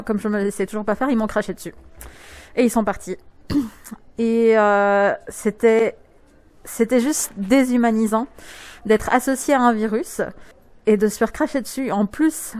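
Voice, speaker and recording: A woman's voice: on the high side, darkish tone. A woman giving a spontaneous personal testimony, speaking hesitantly and often searching for her words. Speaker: witness giving an anonymous testimony.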